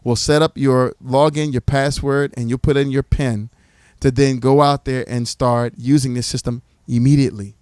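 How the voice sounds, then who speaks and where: Man, middle-pitched, preacherly livestream pitch, repeats lines for emphasis, dry close mic. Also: a little mellow, clear, resonant tone, dry recording. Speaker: community organizer presenting his platform.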